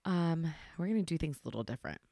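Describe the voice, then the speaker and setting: A woman in her thirties talks on her podcast in a chatty, rambling way, full of fillers and restarts. She keeps her voice hushed at home, with a gravelly edge. The sound is close and dry. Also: sits low, lively intonation, fast, no echo. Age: 30s. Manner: hushed, trying not to be loud. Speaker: podcast host. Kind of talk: casual solo podcast monologue. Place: home at night.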